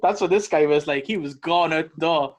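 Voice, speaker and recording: A man co-hosting a podcast, chatting casually about a movie in a blunt, animated way and swearing freely. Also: a little high, fairly quick, very noisy. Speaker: podcast co-host. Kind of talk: casual movie review chat.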